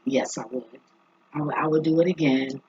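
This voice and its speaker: A vlogger with a husky voice talking casually and reflectively to viewers, halting and thinking aloud. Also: medium pitch, fairly even intonation, a little mellow, a little hiss or hum. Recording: dull lo-fi recording.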